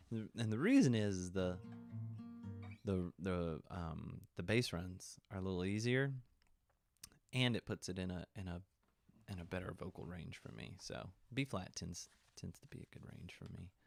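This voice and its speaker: A man who works as a music therapist, talking quietly and casually about songs on a live stream. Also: low voice, creaky, dry recording.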